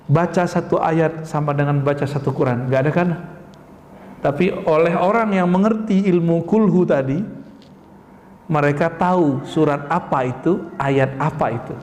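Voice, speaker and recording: A man preaches in a high, carrying voice, talking with his congregation and throwing them rhetorical questions. His words ring through an echoey mosque with a long reverb tail. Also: a little mellow. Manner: conversational, addresses audience as Pak, rhetorical questions. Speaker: Islamic preacher. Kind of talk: sermon.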